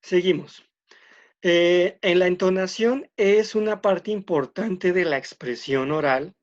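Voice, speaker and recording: A man's voice: sits high, slow pace, lo-fi sound. A man teaching an online class, explaining at length with frequent "este" fillers and repeated words.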